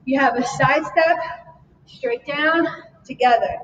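High-voiced woman coaching a workout. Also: slow, slight background noise. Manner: encouraging, counts reps, demonstrates while talking. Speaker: fitness instructor. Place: fitness studio, indoors. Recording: echoey, distant, slightly dull room sound.

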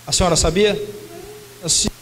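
A man pastor ministering at a church altar, giving quick commanding orders to helpers and to a woman in front of him. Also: high voice, steady tone, low-quality recording. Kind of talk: prophetic ministry at a church service. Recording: live church recording with loud music behind. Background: music playing.

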